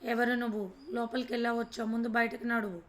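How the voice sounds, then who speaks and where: A woman voicing a furious father and hotel owner, demanding answers in a flat, fairly high voice. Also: fairly quick, natural voice. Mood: angry. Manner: angry, demanding.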